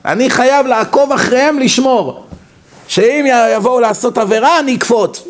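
An elderly sage, pleading and urgent, speaks in a retold sermon story, as a man puts him on. The voice sits fairly high. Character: elderly male sage weeping over his own weakness.

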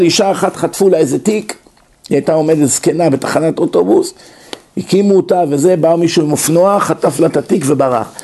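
Gravelly-voiced man telling lecture stories. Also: mellow. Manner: storytelling, acts out quoted dialogue with shifts in pitch. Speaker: religious lecturer. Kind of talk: lecture on the mind and soul.

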